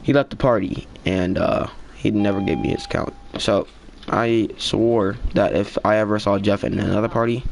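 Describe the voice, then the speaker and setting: A man's voice: lowish voice, fairly even intonation, moderate pace, gravelly, slight background noise. A young man casually narrating a gaming story in a slangy, swearing storytime style. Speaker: gaming vlogger.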